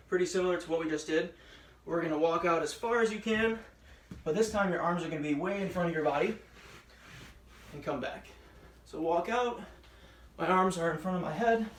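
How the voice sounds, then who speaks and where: Male workout instructor, a touch high, calm step-by-step cues, a bit breathless, distant mic in an echoey room. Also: a little hiss or hum. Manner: cueing exercises step by step, encouraging. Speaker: fitness instructor. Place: room at home with a ceiling fan.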